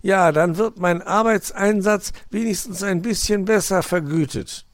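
A man's voice: high voice, unhurried, dry recording, studio quality, pitched above the performer's own voice. A man doing a grumbling, scheming fox uncle.

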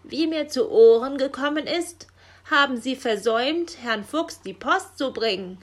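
A woman voicing a stern, bossy male raven official in a children's story, gruff and commanding, squawking "Kra" between sentences. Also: on the high side, lively intonation, slow, fairly bright tone, exaggerated voice. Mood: scolding.

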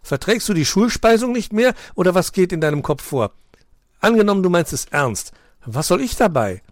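Man voicing a brash storybook husky, loud and mocking, a little higher than his own voice. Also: big pitch swings, normal speed, no room sound, studio quality. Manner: loud, teasing. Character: boisterous male husky, mocking.

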